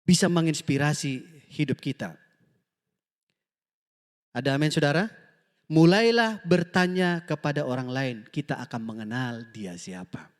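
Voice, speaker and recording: A man from Indonesia preaching a lively sermon, telling stories and calling on the congregation for amen. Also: on the high side, measured pace, long pauses, long reverb tail. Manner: animated storytelling, acts out quoted dialogue. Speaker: pastor. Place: church hall.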